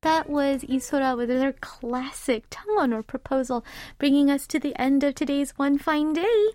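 High-voiced woman radio host. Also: normal speed, a little mellow, no room sound, soft background music. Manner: agreeable, lots of short affirmations. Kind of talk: casual radio chat.

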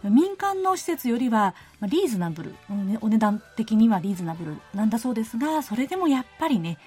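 Reading out listener letters in the studio, a female radio host keeps things friendly, chatty and relaxed, filling her speech with plenty of fillers. Her voice is a little high, sing-song, quick, a little mellow and slightly rough, with faint music playing behind her.

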